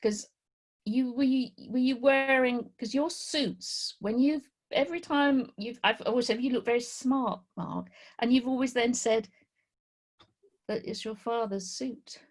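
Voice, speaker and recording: A woman's voice: fairly high pitch, unhurried. A woman interviewer hosting a casual chat, giving short encouraging responses and asking questions. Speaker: interviewer, host.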